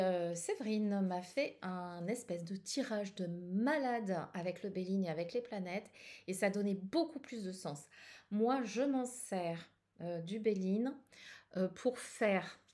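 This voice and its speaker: A woman's voice: mid-range voice, darkish tone. A middle-aged woman talking casually about her tarot decks, hesitant, with many fillers and restarts. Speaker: tarot channel host. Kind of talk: casual personal chat.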